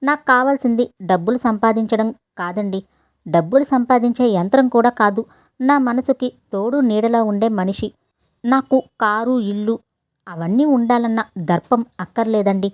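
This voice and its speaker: A woman's voice: on the high side, normal speed, natural voice. A woman voicing a hurt young wife who reproaches and pleads with her husband, in an audio story. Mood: hurt pleading.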